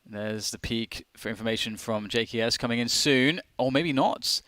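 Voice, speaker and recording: A man's voice: medium pitch, moderate pace. Chatty male esports commentator. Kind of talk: live play-by-play commentary. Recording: light background noise with game gunfire.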